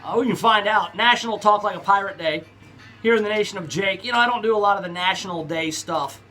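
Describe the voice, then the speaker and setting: High, bright-voiced talk radio host. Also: male voice, fast, faint music behind. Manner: chatty, rambling, reads items aloud with fillers. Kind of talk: casual talk radio banter. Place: radio studio.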